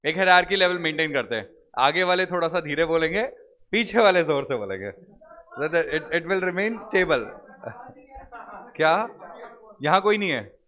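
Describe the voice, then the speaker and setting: A man teaching law to a live class, joking with students and slowly drawing out the wording of legal text. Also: a little high, lively intonation, pushed and bright. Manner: playful, joking with students, drawls words slowly when reading. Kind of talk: classroom lecture, Hindi mixed with English. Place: recorded classroom studio.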